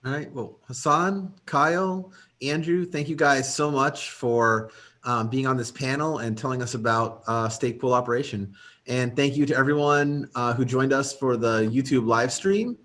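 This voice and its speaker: A man's voice: mid-range voice, normal speed, fairly bright tone. A man hosting a meetup panel, thanking the guests and viewers to close the stream. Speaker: meetup host. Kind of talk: closing a livestreamed panel.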